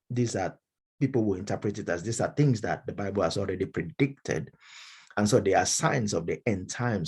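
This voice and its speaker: A middle-aged man with a Nigerian accent, giving a measured academic lecture with frequent fillers and restarts. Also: low-pitched, darkish tone, breathy edge. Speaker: Baptist minister and speaker.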